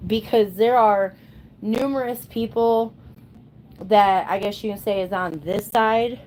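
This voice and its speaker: Blunt sarcastic woman ranting on her livestream, slow drawn-out talk, faint hiss behind. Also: mid-range voice, steady tone, a little mellow, rough recording. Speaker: livestream host.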